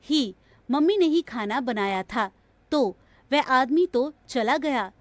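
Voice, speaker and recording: A woman reading a grammar lesson from a textbook in a slow, measured, even delivery. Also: high voice, no room sound. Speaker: textbook audio reader.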